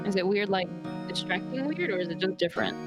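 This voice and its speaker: A woman's voice: mid-range voice, lively intonation. A woman streamer chatting casually and reading game lines aloud, giggly, on a close, slightly muffled desk mic. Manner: giggly, unhurried. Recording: game music under the voice. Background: loud game music.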